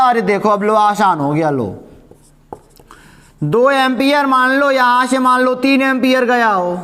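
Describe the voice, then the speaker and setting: A man teaching a physics class, repeating each point several times and slowing down to dictate definitions. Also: extremely high pitch, a bit bright, long reverb tail. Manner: repetitive, drills each point, slow dictation. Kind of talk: classroom lecture.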